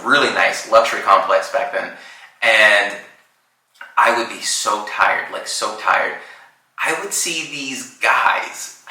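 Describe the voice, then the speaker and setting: A man in his thirties co-hosts a casual podcast, spinning an animated story full of slang and laughter. His voice sits a little low but sounds bright and forceful. The room around him rings with heavy echo. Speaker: podcast co-host.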